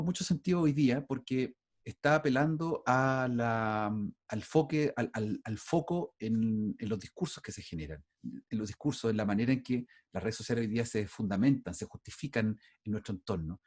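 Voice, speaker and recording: A darkish, mid-range male voice belongs to a middle-aged Chilean lecturer running an online university class. He speaks in Chilean Spanish, loosely and conversationally, with many restarts.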